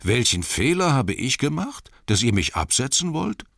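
A man voicing a sly, pompous older town mayor who makes loud, ringing speeches in an audiobook reading. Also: lowish voice, big pitch swings, measured pace, no echo, clean studio sound, voice pushed up. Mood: indignant.

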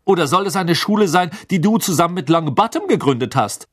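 Sneering teen schoolboy bully, high and taunting, put on by a male narrator for an audiobook. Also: expressive, brisk. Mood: mocking. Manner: mocking, taunting.

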